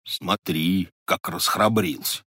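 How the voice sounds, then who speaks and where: A man's voice: low voice, takes it slowly, sharp tone, slightly rough, no echo, clean studio sound, pitched below the performer's own voice, heavily acted. A man doing a muttering, sly old Cossack. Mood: grumbling. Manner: muttering to himself, grumbling.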